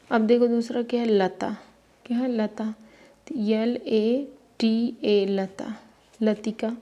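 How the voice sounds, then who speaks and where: Woman teacher, spelling lesson, letter-by-letter, unhurried pace. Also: medium pitch, warm tone. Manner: slow, spelling names letter by letter.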